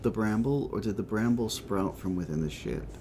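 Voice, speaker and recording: Guy doing a lets play, deep voice, s sounds whistle, kinda thinking out loud, some background noise. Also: normal speed. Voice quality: whistling s from a chipped tooth. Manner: thinking aloud. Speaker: gaming host. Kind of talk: casual let's play commentary, partly reading game text aloud.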